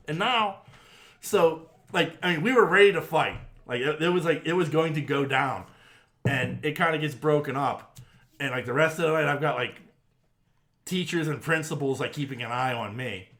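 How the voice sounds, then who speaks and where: A man's voice: a little high, normal speed, fairly bright tone. A middle-aged man, co-hosting a podcast and telling a story in a casual, profane way, acting out quotes and laughing often. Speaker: podcast co-host.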